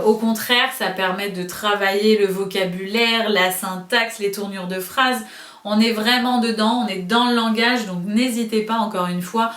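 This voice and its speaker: A chatty woman teacher speaks affectionately to young pupils and their parents. Her voice sits slightly high and sounds distant and echoey, as if she were recorded from across a room. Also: a bit bright. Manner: chatty, affectionate toward the children. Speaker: preschool teacher. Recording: echoey room, far from the mic.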